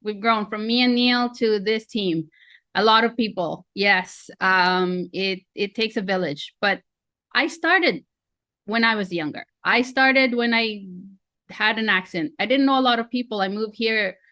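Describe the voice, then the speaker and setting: In a fairly high voice at a moderate pace, the Filipino-accented coach sounds bright and forceful on a dry recording. She's in her forties, from the Philippines, running an online real estate training webinar over video call in a chatty, self-deprecating way.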